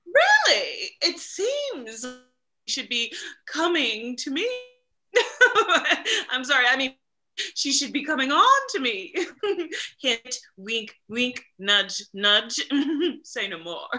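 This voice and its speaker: A woman's voice: a little high, expressive, slow pace, sharp tone, heavily acted. An actress playing a flirtatious wealthy lady of the house in a comedic play read over a video call, bawdy and giggly. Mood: flirty.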